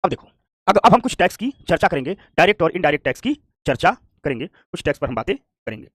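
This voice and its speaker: Fast, animated male economics teacher. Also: a little high, husky, dry recording, clean studio sound. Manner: fast, lively, repeats "ठीक" and checks understanding; acts out complaining shopkeepers. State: tired from standing. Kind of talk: classroom lecture.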